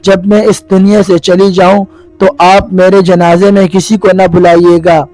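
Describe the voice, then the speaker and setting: A man's voice: high voice, level tone, a little mellow, natural voice. A man voicing a grieving, dying young mother who speaks tenderly through tears. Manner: tearful, tender pleading.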